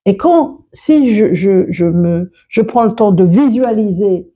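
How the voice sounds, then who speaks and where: Husky woman coach chatting in an interview, slow and mellow, lots of restarts, dull lo-fi sound. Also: medium pitch. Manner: expressive, quick to laugh, many restarts. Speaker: public speaker and coach. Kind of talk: interview conversation.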